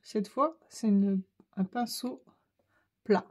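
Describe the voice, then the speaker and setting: Here the Ch'ti-accented craft host from northern France talks slowly in a medium-pitched voice, a little mellow with a breathy edge. She tries out art supplies, chatting casually to her viewers and musing aloud while painting.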